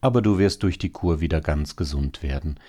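A man reads aloud as a consoling male hare, wry and gloomy, his voice low, deep, and calm yet brisk. The mood is bitter. Dark and mellow, the voice soothes while the words hold quiet bitterness, a storybook animal in a sober tale.

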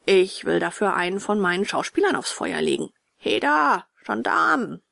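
A woman voicing a gruff, bearded male puppet-theatre director who is harsh but soft-hearted, with a rough, barking voice. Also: fairly low pitch, wildly swooping pitch, fairly quick, dry recording, studio quality, exaggerated voice.

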